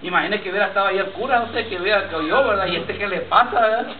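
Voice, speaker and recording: Man preaching in a roomy church, high pitched, lo-fi phone-like sound, pretty far from the mic. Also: rapid-fire, slight background noise. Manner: repetitive, addresses listeners as brother. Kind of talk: sermon with personal testimony. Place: church congregation. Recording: tinny lo-fi church recording from far off. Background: congregation responses.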